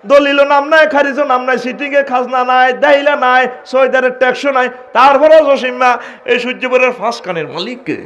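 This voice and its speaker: A man's voice: extremely high pitch, moderate pace, a bit bright, slight background noise. A man with a Comilla Bengali accent preaching a humorous Islamic sermon, chanting verses in a sing-song voice and calling out to the crowd. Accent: Comilla Bengali dialect. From Bangladesh.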